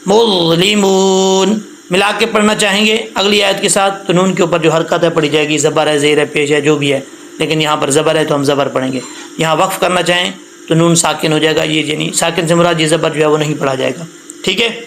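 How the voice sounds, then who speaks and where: A man teaching Quran recitation step by step. He explains patiently, checks in often and stretches out the recited words slowly. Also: fairly high pitch, steady tone, gravelly, fairly bright tone, reverberant, a little hiss or hum, poor audio. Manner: drawn-out, slow chanted recitation of words.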